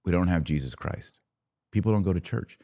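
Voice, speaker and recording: This American podcast host has a deep, warm, expressive voice and talks briskly. His live commentary on politics and religion comes in short, clipped bursts, strongly opinionated and emphatic.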